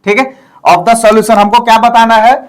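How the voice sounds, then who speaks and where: A man's voice: very high-pitched, flat delivery, moderate pace. A man teaching a chemistry lesson in speech, mixing in English terms and explaining step by step with frequent check-ins. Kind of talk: classroom lecture.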